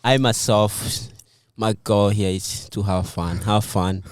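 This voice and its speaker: A young man from Uganda co-hosts a casual podcast, playful and quick to joke. His voice sits a little low. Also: steady tone. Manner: playful, joking, laughs often. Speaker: podcast co-host.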